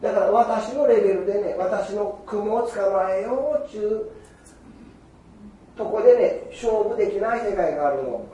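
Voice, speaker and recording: An older man with a giving a Buddhist sermon in an animated storytelling manner, acting out quoted exchanges. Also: high-pitched, normal speed. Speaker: Buddhist preacher. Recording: echoey hall from far off.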